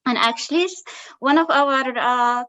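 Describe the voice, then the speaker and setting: A woman from Palestine who works as an assistant professor introduces herself in conversation on a video call. Her high voice is bright and forceful, but her delivery is halting, full of fillers and hesitations, and she laughs easily. The call audio is dull and lo-fi.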